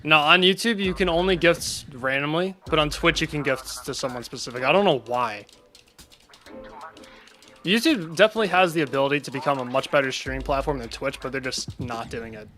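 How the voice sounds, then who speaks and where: A man's voice: on the high side, sharp tone. A man giving casual live-stream commentary while playing, chatting with his viewers between attempts. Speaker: gaming streamer.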